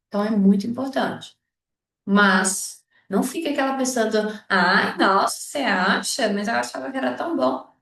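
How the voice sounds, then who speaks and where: A Brazilian woman giving a workshop lesson on communication, talking directly and acting out short example dialogues. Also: fairly high pitch. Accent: Brazilian Portuguese. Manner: direct, illustrates points with acted-out dialogues. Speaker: veterinary career instructor. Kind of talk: workshop lecture. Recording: roomy echo, voice from a distance.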